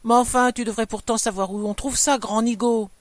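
A woman reading a story aloud, voicing a scornful, nagging middle-aged wife in a shrill, scolding voice. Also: fairly quick, no echo, natural voice.

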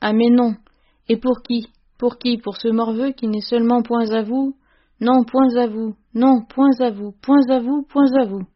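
Woman reader voicing a domineering old servant woman, loud scolding, raised voice, dull lo-fi sound. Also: medium pitch, steady tone, normal speed, close to an everyday voice. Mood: furious. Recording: dull, lo-fi recording.

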